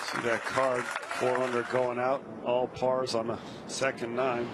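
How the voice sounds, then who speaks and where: A man's voice: medium pitch, flat delivery, measured pace. A man giving live golf commentary in a conversational, descriptive way. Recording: noisy outdoor broadcast with crowd. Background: loud crowd and outdoor ambience.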